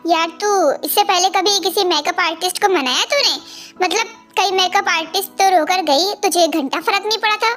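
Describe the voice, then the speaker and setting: A woman's voice: very high-pitched, moderate pace. A woman voicing a blunt young male friend who teases and scolds, in an amateur dub. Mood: teasing. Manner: teasing, scolding. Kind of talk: amateur dubbing. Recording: soft music behind.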